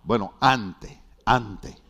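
A man pastor giving a humorous sermon in a church, joking with the congregation and swinging between loud and hushed. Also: lowish voice, extremely slow. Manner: animated, jokey preaching with wide swings in loudness. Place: church hall.

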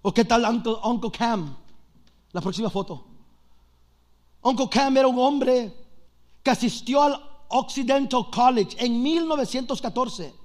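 A man from Los Angeles preaching a storytelling sermon, fast, animated and joking. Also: very high voice. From Los Angeles, USA.

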